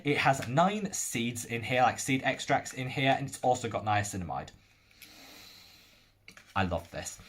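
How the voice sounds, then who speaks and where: Man, young, from the UK, gushing skincare reviewer, animated delivery. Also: medium pitch, slightly rough. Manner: enthusiastic, gushing. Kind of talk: casual product review.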